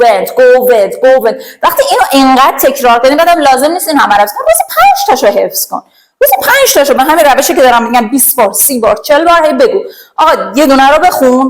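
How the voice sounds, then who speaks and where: A woman gives an English grammar lesson in a chatty, playful way, lending the verbs voices and slowly drilling pairs of words. Her voice sits high.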